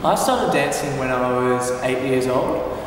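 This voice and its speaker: A man's voice: mid-range voice, expressive, measured pace. A young Australian man in his early twenties, a dancer reflecting earnestly and articulately on his work. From Gold Coast, Australia. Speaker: dancer intern. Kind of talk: reflective interview answers. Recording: echoey hall recorded from a distance with noise.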